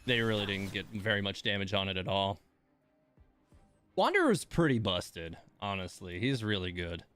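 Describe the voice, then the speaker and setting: As faint music plays in the background, a man hosting a casual gameplay stream thinks aloud, weighing his choices to himself. His voice is lowish, animated and a bit bright, with a clean tone and a moderate pace.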